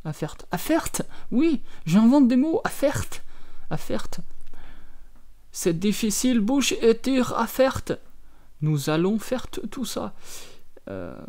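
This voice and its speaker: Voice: medium pitch, big pitch swings, takes it slowly, long pauses, a little mellow. A speaker giving a casual drawing tutorial voice-over, rambling and self-mocking with many hesitations and playful mock TV-host asides.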